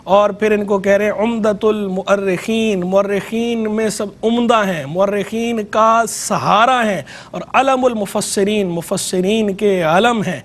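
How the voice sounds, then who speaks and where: A Pakistani religious scholar with a notably high voice gives a televised lesson. He speaks in a measured, explanatory way and repeats key terms so they sink in. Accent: Pakistani Urdu. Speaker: religious scholar presenting a TV program. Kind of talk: educational religious lecture.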